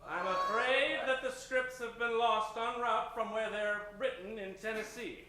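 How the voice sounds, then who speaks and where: Music plays in the background as the improv emcee, voice sitting high, speaks in a steady tone without hurrying. He collects audience suggestions on stage in a playful, theatrical manner, recorded with a roomy live-stage sound.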